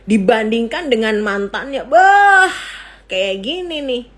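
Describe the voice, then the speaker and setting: Chatty laughing woman psychiatrist. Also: slow pace. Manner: playful, laughs often, jokes in mock foreign gibberish; animated, swings between high excitement and low asides. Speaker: psychiatrist hosting a live mental health talk. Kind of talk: casual live-stream talk. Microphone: phone or laptop mic for an Instagram live.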